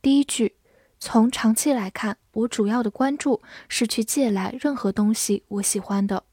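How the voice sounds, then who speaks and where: A woman's voice: a little high, moderate pace, dark tone, husky, dry recording, clean studio sound. A woman teaching English vocabulary. She reviews it word by word, saying each word twice and then listing its parts of speech and meanings.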